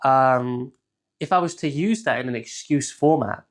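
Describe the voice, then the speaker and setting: A young man from England talks through ideas as a coach in a relaxed, unscripted solo talk. His voice sits at an ordinary middle pitch, and he keeps checking in with his listener after almost every point. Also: measured pace. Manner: conversational, keeps checking in with "right?". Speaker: life coach. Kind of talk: casual solo teaching talk.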